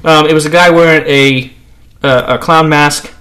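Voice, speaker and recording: A man co-hosting a casual podcast chat, rambling with halting restarts. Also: fairly high pitch, fairly even intonation, pushed and bright. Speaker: podcast co-host.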